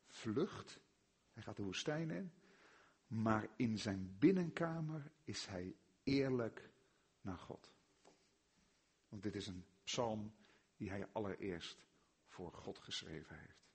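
A male preacher with a Netherlands Dutch accent, his voice slightly husky and unhurried. He leans on rhetorical questions, dropping to near-hushed tones and then rising to loud, emphatic declarations. His pitch moves freely as he presses each point. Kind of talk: sermon.

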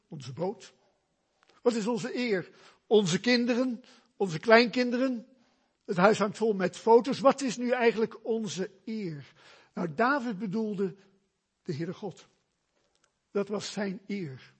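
Slow, husky-voiced preacher. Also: male voice, high-pitched. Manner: slow, emphatic preaching with rhetorical questions. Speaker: pastor. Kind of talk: sermon.

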